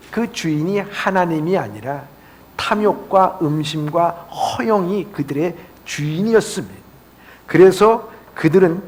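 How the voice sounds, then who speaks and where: High-voiced emphatic male pastor. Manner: emphatic, climbs high on stressed phrases. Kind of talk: sermon.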